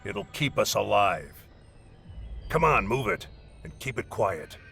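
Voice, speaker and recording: A man's voice: lowish voice, big pitch swings, slow pace, vocal fry, bright, forceful tone, faint music behind, exaggerated voice. A man playing a hostile, bossy warrior leading a scouting mission in a video game, curt and scornful. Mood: stern, commanding. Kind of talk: video game dialogue acting.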